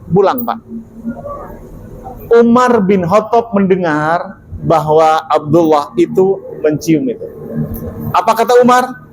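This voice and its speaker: A male preacher telling a story in a sermon, animated, asking his listeners questions and repeating key lines. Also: high voice, a little hiss or hum, low-quality recording. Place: mosque.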